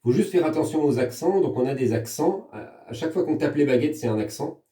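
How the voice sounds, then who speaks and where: This French man's voice is on the high side, warm, animated and a little fast. He teaches a recorded percussion lesson for his pupils on a practice pad at home, counting hand patterns out loud and patiently breaking things down step by step. He sounds far off in an echoey room.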